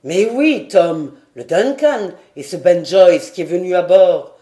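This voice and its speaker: Woman reader as a lordly gentleman, vehement and urgent, louder, lower, slow. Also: lively intonation. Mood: astonished. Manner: forceful, urgent questions. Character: commanding lord, agitated and vehement.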